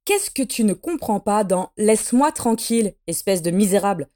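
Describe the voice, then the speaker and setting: A woman's voice: a little high, animated, a little slow, mellow. A woman voicing a refined young witch in a fantasy audiobook, tense and uneasy, snapping when pushed. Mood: furious. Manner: tense, pleading, then roaring in anger. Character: refined young witch, proud but frightened.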